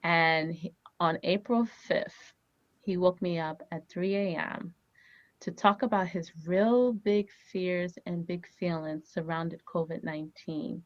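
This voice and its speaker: A family therapist in her thirties, whose first language is Haitian Creole, tells stories animatedly as an interview guest, sprinkling in plenty of "you know." Her voice sits on the low side and moves slowly, with no room sound and the highs cut off.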